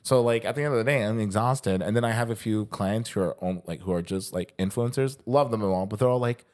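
A young man co-hosting a podcast as a fitness coach, rambling and swearing casually in relaxed chat, often saying "dude". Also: fairly low pitch, brisk. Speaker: podcast co-host.

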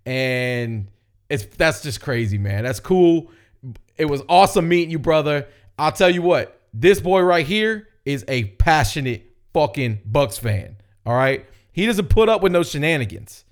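A man hosting a fan podcast, reacting to listener voicemails in a casual, energetic way with swearing. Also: fairly high pitch. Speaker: podcast host.

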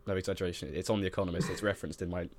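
Fast-talking young man, low voice. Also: flat delivery, background noise. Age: young adult. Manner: fast, rambling, full of fillers and restarts. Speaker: podcast co-host. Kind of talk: casual chat.

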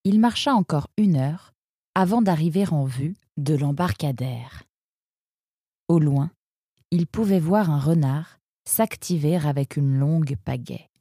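A woman narrating a children's story in a calm, measured way. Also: low-pitched, no echo, clean studio sound.

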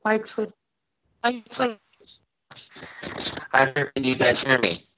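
A woman's voice: rumbling low, big pitch swings, takes it slowly, a bit bright, muffled recording, slight background noise. Woman with a fuzzy, distorted remote voice. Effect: distorted, fuzzy sound over a remote line. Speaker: co-host joining remotely. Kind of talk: casual chat.

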